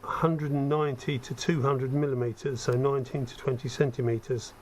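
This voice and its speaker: Brisk and conversational, a man with a croaky, cold-affected mid-range voice demonstrates spray gun equipment as a hobbyist host. He works hands-on, thinking aloud and dropping self-deprecating asides. A head-mounted action camera captures the audio along with steady workspace noise.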